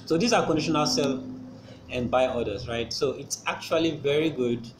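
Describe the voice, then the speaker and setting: A man at a middle pitch walks through a casual screen-recorded tutorial, pausing often with fillers and restarting his sentences. Clear background noise hangs under his voice throughout. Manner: hesitant, with many fillers and restarts. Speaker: channel host explaining trading. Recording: noisy background ambience.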